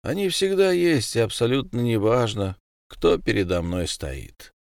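A man's voice: mid-range voice, sing-song, measured pace, darkish tone, no echo, studio quality. A man voicing a cold, calculating prison gang boss who speaks in terse commands. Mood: commanding.

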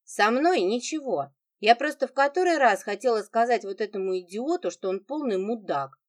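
Sneering venomous wife in an audiobook, lively and mocking; the woman narrator puts her on. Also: on the high side, moderate pace, natural voice. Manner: sarcastic, sneering, biting.

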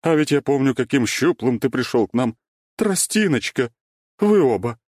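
A man voicing Zoya, a fierce, muscular woman butcher who taunts and booms at her opponent in a storybook reading. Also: very animated, moderate pace, a little mellow, dry recording, studio quality. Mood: hearty. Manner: taunting, booming.

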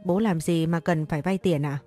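A woman's voice: lowish voice, steady tone, fairly quick, mellow, soft background music, natural voice. A woman voicing an exasperated young married daughter who sharply scolds her father.

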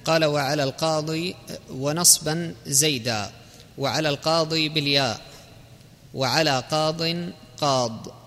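Male student reciting a text slowly, bright voice, distant in an echoing hall. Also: on the high side. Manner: slow, measured recitation. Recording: far from the mic in a reverberant hall.

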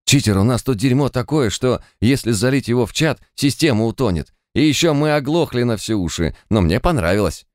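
A man voicing an excitable, boastful male joker in an audiobook. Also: medium pitch, fairly quick, few pauses, no room sound, clean studio sound, voice pushed up, close to an everyday voice. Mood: excited.

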